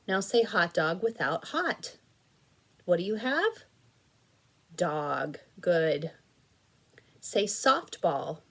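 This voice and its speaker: A woman teacher giving a recorded reading lesson to young children, with slow, clear prompts and patient praise. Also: medium pitch, a bit bright.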